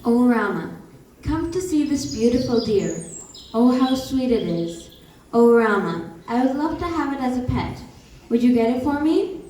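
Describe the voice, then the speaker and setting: Soft sweet young princess begging a bit, woman reading her lines, echoey far-off hall. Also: on the high side, expressive, normal speed, slight background noise, natural voice. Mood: delighted. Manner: sweet, pleading. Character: gentle young princess, pleading and anxious.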